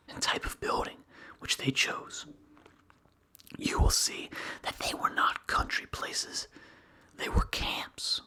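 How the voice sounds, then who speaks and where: Someone reads a philosophical text aloud in a breathy ASMR whisper, in measured, deliberate phrases with short pauses. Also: very high-pitched, pushed and bright.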